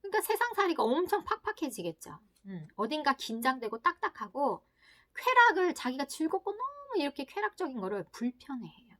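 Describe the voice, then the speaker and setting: A woman giving an explanatory talk on parenting psychology from a book, acting out inner voices and dropping into hushed whispered asides. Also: sits high, very animated, fairly quick.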